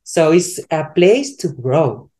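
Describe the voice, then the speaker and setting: A woman from Spain with a Spanish accent, a coach being interviewed, speaking haltingly and searching for English words with many restarts. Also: sits low, sing-song, mellow. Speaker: coach, guest. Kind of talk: casual interview talk.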